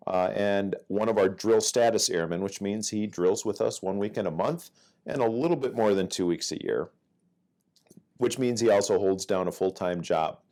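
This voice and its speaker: A middle-aged man hosting an interview, friendly and asking measured questions. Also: lowish voice, a little mellow. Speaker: interview host. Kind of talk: conversational interview.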